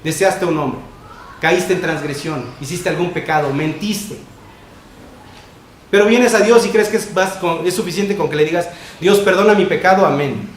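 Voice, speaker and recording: A man preaching a sermon as pastor, emphatic and repetitive, with quick shifts between loud and soft. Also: a little high. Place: church sanctuary. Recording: echoey church room with faint noise.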